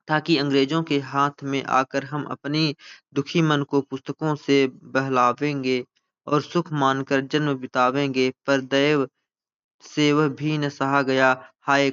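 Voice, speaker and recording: A lamenting figure of the nation, male and grief-stricken, crying out his losses in a slow, drawn recitation from a stage play, as a male teacher reads him aloud. His voice is smooth and resonant on a slightly dull, lo-fi recording. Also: mid-range voice, little pitch movement, a bit bright. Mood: pleading. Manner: slow mournful recitation of dramatic text. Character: personified India, male, grieving and lamenting.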